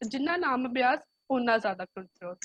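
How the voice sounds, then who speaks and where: High-voiced Punjabi woman giving advice. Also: expressive, brisk, no echo, lo-fi sound. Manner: earnest, mixes English into Punjabi. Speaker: guest speaker. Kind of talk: motivational talk to students.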